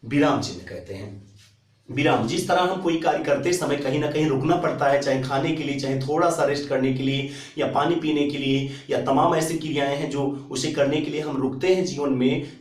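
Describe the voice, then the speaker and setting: A man's voice: medium pitch, darkish tone. A man teaching an exam-prep grammar lesson. He repeats key terms and keeps addressing his viewers as "guys". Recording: echoey room, voice far from the mic.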